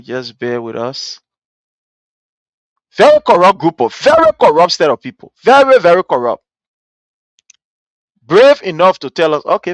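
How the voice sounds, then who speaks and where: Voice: mid-range voice, dry recording. A political commentary host from Liberia with a Liberian accent, speaking indignantly and mockingly to an audience with rhetorical questions and emphatic repetition.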